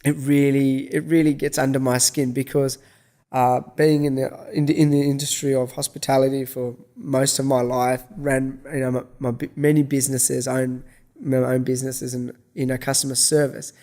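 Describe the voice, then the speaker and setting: A man's voice: mid-range voice, level tone, normal speed, warm tone. A middle-aged man telling a story in a casual monologue, rambling with restarts and swearing. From Australia. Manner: rambling, frequent restarts and swearing, acts out dialogue. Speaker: vlogger.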